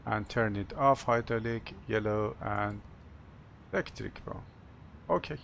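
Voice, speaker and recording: A man who is a non-native English speaker, working as an airline captain, talking through cockpit procedures and announcements in short, halting, procedural phrases. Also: lowish voice, creaky, a bit bright, slight background noise. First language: not English. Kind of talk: cockpit procedure narration, checklist callouts and announcements.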